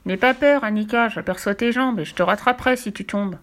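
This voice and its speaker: Lady reading as an eager little boy, high and excited, storybook kid. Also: brisk, close to an everyday voice. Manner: excited, insistent. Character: eager adventurous young boy.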